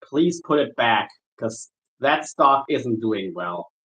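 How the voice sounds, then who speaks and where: A man from Germany, a shark angler chatting casually with viewers while he works, easygoing and halting, often restarting his sentences. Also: medium pitch, expressive, a bit bright, rough recording. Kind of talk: casual livestream chat while working.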